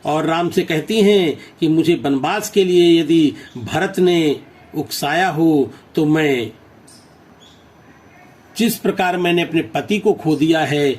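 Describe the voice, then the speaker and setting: Slow, measured Hindi teacher, man. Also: on the high side, a little mellow. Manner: reads verses then explains them line by line, repeating phrases. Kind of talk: poetry explanation lesson.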